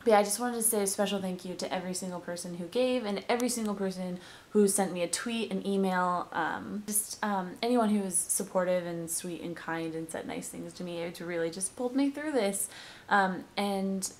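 A woman's voice: medium pitch, fairly quick. Chatty young woman vlogging, faint hiss. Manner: nervous, giggly, chatty. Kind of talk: casual vlog chat.

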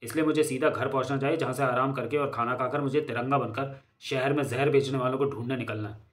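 A man's voice: medium pitch, fairly even intonation, fast, natural voice. A man voicing an earnest young masked hero. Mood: brooding.

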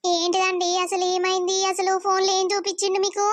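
A woman's voice: very high voice, flat delivery, a little fast, dry recording, studio quality. A woman voicing an anxious middle-aged village mother, pleading and questioning.

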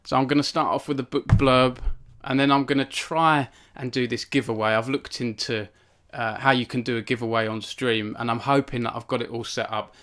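A young man, an author, hosts a casual book launch live stream from his home cabin, rambling with plenty of fillers and self-deprecating asides. His voice sits at medium pitch with little pitch movement and a fairly bright tone. He talks a little fast and rarely pauses.

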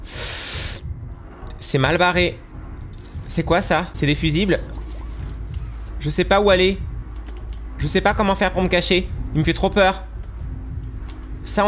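A young man with a nasal, stuffy voice giving excitable let's-play commentary over a game, gasping and exclaiming as he goes. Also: sits high, slight background noise. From France. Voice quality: nasal from allergies. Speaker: gaming YouTuber.

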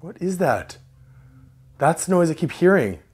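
A man investigating a haunting, jumpy and excitable, swearing when startled in casual ghost-hunting chat. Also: a little high, unhurried, husky. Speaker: paranormal investigator.

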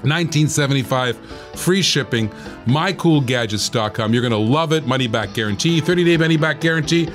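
A man hosting a talk show, pitching gadgets as an animated salesman who keeps repeating phrases and prices. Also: fairly quick, faint music behind. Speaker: host.

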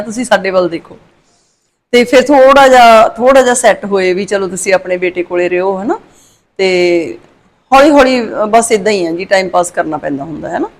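A middle-aged woman from Punjab, talking to her viewers in a soft, sorrowful and consoling way, often adding little tag questions. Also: medium pitch. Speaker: vlogger. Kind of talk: casual heartfelt talk to viewers.

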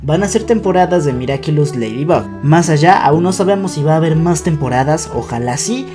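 A young adult YouTuber gives fan commentary straight to his viewers from a small indoor bedroom, in a way that feels scripted, with background music playing. His voice is fairly high-pitched and animated, and he talks a little fast.

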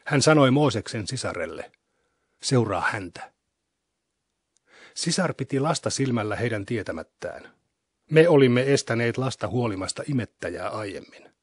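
A man giving a solemn, scripted scripture reading in a measured, unhurried manner, recorded close to a studio microphone. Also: mid-range voice, expressive, slightly rough, dry recording. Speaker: scripture reader.

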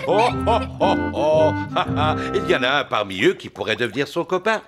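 A big-hearted bumbling daddy pig from a children's cartoon. His delivery is jovial and hugely animated, easily puzzled, over prominent music. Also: on the high side, moderate pace. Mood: jolly. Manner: jovial, expressive, chuckling. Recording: music behind the voice.

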